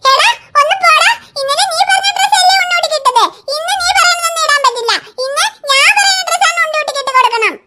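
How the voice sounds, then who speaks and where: A bossy little girl from a cartoon, voiced by a woman. Her voice is squealing and very high, and she talks in a pushy, domineering way. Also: quick pace, few pauses, pushed and bright. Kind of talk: cartoon voice acting.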